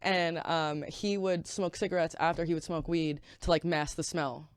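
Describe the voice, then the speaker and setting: Rambling young woman, low, dry sound. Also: fairly even intonation, moderate pace, clear, resonant tone, dry recording. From Galicia, Spain. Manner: rambling, many fillers, laughs easily. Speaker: podcast guest. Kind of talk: casual chat.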